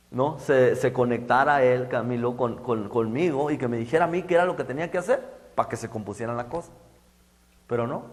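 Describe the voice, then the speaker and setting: A middle-aged man preaching a sermon, halting and repeating words as he goes. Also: medium pitch. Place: church hall. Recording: echoey church hall.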